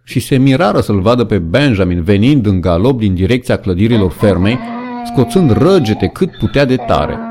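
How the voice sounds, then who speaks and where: A man reading a novel aloud as an audiobook narrator, with dramatic storytelling. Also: on the low side. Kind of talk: scripted narration.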